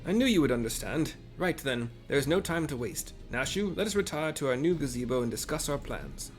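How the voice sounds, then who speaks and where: A man voicing an earnest old gentleman in a game, with a strained, aged voice and courtly, archaic speech. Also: medium pitch, expressive, brisk, faint music behind, natural voice. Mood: courteous, grave. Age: older. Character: old gentleman inspector, formal, earnest, protective father. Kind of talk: game dialogue read aloud.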